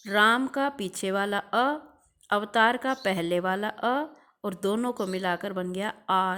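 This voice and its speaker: A woman's voice: medium pitch, fairly bright tone, smooth. A woman teacher giving a recorded grammar lesson, drawing out examples and repeating key terms.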